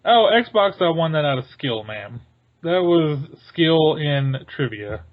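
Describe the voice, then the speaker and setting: A man's voice: fairly high pitch, big pitch swings, slow. A man in his thirties, co-hosting a podcast in casual chat, rambling and laughing often. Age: 30s. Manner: chatty, rambling, frequent laughs. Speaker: podcast co-host. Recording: tinny phone-like sound.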